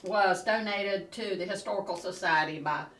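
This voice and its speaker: A woman leading a museum tour as a guide, talking in a calm, reminiscing way. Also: medium pitch, normal speed. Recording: echoey room, distant mic, faint noise.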